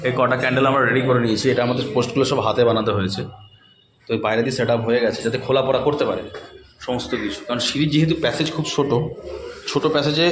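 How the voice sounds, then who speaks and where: A vlogger narrates his day very fast and casually, talking to his viewers as he goes around home, roads and work sites. His voice is medium in pitch, and vehicle and outdoor noise comes through clearly.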